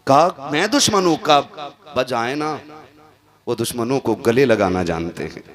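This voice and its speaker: A man preaching an emotional sermon in Hindi-Urdu, telling a story dramatically and rising into impassioned shouts. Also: medium pitch, lively intonation, measured pace. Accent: Indian Urdu-Hindi.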